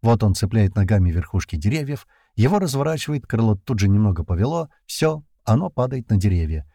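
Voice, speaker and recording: A man narrating an adventure audiobook in the first person, in a steady storytelling manner. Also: on the low side, fairly quick, dry recording, clean studio sound.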